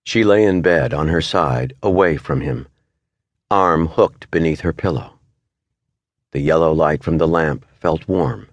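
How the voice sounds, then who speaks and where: A man narrating a literary novel as an audiobook, measured and expressive. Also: rumbling low, dry recording. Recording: dry studio recording.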